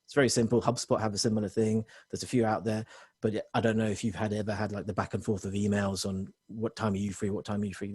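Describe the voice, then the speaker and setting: A man working as a technology consultant, giving a quick webinar presentation to business owners with frequent restarts and self-corrections. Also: lowish voice, darkish tone, husky, no room sound, studio quality.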